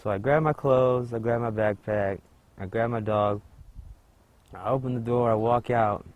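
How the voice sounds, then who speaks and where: A man's voice: mid-range voice, steady tone, normal speed, dull audio. Man vividly retelling a street story. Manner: vivid retelling with quoted dialogue and cussing. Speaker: interviewee. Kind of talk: casual storytelling. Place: outdoors by a creek in a park.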